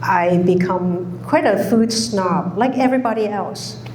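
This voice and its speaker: A woman who grew up in Hong Kong, giving a public talk, speaking slowly with many pauses and fillers. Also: medium pitch, a little mellow, slight background noise. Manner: slow, halting, many fillers. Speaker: guest speaker. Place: lecture hall. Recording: echoey hall recording.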